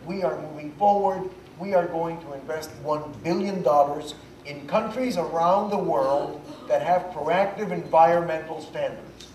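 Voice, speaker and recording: A man moderates a panel, putting a brisk, direct question. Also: fairly high pitch, darkish tone, a little hiss or hum. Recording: echoey hall, distant mic.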